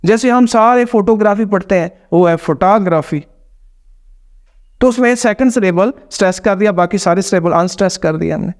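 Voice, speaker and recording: A man teaching English pronunciation, explaining step by step and slowly demonstrating which words to stress. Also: high voice, a little mellow. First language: Hindi or Urdu. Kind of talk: pronunciation lesson.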